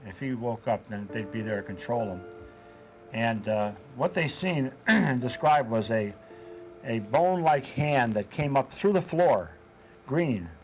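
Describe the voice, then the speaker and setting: A man being interviewed as a paranormal investigator, telling events in a measured way with hesitant fillers. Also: mid-range voice, expressive, soft background music, rough recording. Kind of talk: interview storytelling.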